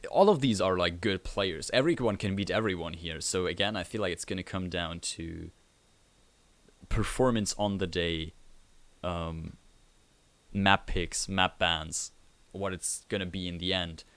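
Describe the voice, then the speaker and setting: A man's voice: low voice, a little slow, a bit bright. A man hosting a live stream, talking through match predictions in a casual, hesitant way with lots of restarts. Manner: hesitant, many fillers and restarts. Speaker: host of esports recap show. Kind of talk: casual esports prediction chat.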